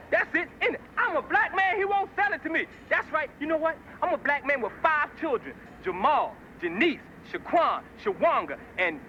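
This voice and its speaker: A man's voice: very high-pitched, bright, forceful tone, full character voice. An actor playing a brash, theatrical male customer who rants indignantly, from a film soundtrack. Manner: indignant, over-the-top ranting. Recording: dull film soundtrack with background noise.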